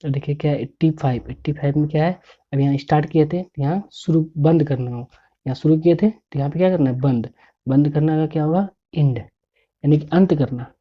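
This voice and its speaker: A woman teaching English words, spelling each one out letter by letter and repeating its meaning in a slow drill. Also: deep voice. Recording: dull lo-fi recording.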